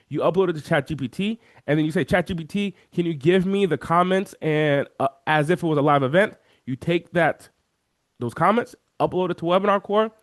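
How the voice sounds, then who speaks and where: A man talking as an interview guest, walking through software on a shared screen and acting out the voices of chat viewers. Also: on the high side, fairly quick, no room sound, clean studio sound. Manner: animated, acts out quoted chat voices. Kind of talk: energetic screen-share walkthrough.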